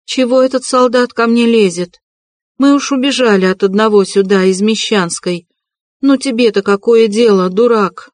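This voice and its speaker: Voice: normal speed, no echo, studio quality, close to an everyday voice. A reader voicing a proud, frantic impoverished widow, raised and strained, in an audiobook reading. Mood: shrill. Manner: haughty then shrill and desperate.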